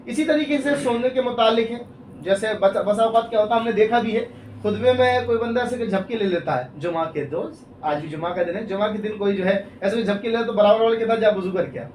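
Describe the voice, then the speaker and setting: A man's voice: high-pitched, darkish tone. A man, an Islamic scholar, explaining religious rules step by step in a question-and-answer talk, with worked examples and frequent checks that the listener follows. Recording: echoey room, mic far off, faint ambient noise.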